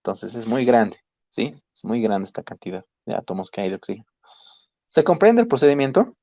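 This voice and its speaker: A man's voice: medium pitch, very animated, fairly quick, gravelly, dark tone, no room sound. A male chemistry teacher gives an online lecture, explaining step by step and often checking in with his students. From Bolivia. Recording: dry, dull lo-fi call audio.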